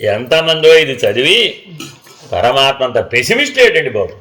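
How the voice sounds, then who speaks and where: A man, a spiritual teacher, giving a Vedanta discourse. He chants Sanskrit verses slowly and asks questions that he answers himself. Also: medium pitch, very animated, bright, forceful tone, roomy sound, poor audio.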